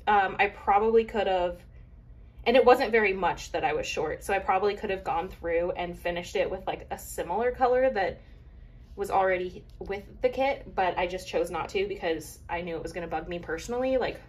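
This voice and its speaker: A woman's voice: medium pitch, fairly quick, husky. Chatty, slightly breathless woman vlogger. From Arizona, USA. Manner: rambling, filler-heavy, chatty. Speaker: craft vlogger reviewing a kit. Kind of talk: casual chat to camera.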